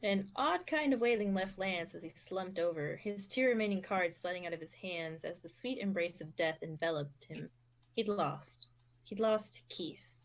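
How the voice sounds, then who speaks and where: Low-pitched young woman narrating fan fiction. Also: normal speed, few pauses. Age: young adult. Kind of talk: amateur fan fiction reading.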